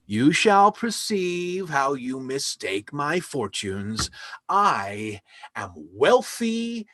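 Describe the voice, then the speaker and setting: A man's voice: fairly high pitch, slight background noise, heavily acted. A man playing Timon, a proud spendthrift lord. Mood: confident. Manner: slow, lively, emphatic verse speaking. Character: lavish generous nobleman facing ruin. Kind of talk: live online reading of a stage play. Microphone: home microphone on a video call.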